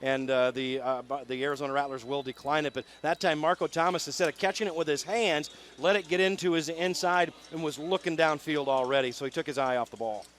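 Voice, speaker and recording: A man's voice: fairly high pitch, fairly even intonation, brisk, few pauses, fairly bright tone. A man giving color commentary on an arena football game, explaining plays with frequent fillers. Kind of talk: radio sports commentary.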